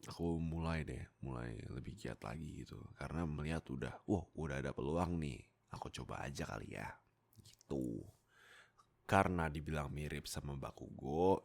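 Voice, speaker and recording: His voice is bass and gravelly. This young Indonesian amateur voice actor and content creator tells casual stories to his followers about his voice-acting life, sounding informal, giggly and self-deprecating on a close USB microphone.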